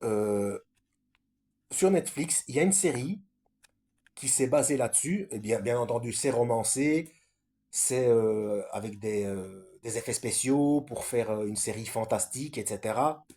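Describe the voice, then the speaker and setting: Husky, hesitant man talking scripture. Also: medium pitch, unhurried, warm tone. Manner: hesitant, many fillers and self-corrections. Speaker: Bible study video maker. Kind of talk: casual solo talk on scripture.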